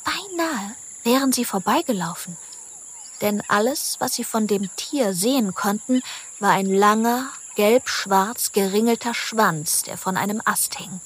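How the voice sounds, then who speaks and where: Slow breathy woman reading a story. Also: mid-range voice. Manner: gentle, unhurried storytelling. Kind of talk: children's story read aloud.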